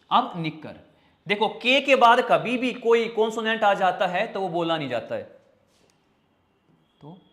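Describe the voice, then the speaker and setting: Bright and forceful, this man's high-sitting voice leads an online vocabulary lesson with a Hindi accent. The English teacher breaks words into spelled chunks, answers his own questions, and addresses students as brother and child.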